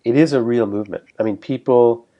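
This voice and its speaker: A man's voice: mid-range voice, fairly quick, warm tone. A man hosting a podcast, asking probing and challenging questions as the interviewer. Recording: dull lo-fi sound with faint music.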